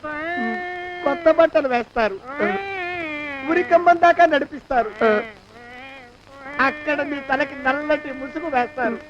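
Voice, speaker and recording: An actor playing an excitable, quarrelsome man in a comedy film, exclaiming and bickering in film comedy dialogue. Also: very high voice, measured pace, long pauses, lo-fi sound, a crowd in the background. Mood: excited.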